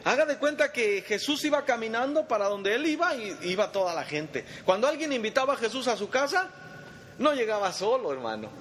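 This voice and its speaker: This man's very high, slightly bright voice has a sing-song lilt and moves a little fast. He is teaching a Bible study in a church meeting hall in a chatty style, quizzing the group and calling them brother, with long reverb and faint background noise on the recording.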